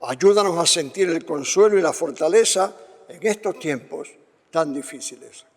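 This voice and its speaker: A man leading solemn liturgical prayer as a priest, measured and reverent, with cathedral echo. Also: a little high, expressive. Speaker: priest presiding at Mass. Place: large church, amplified.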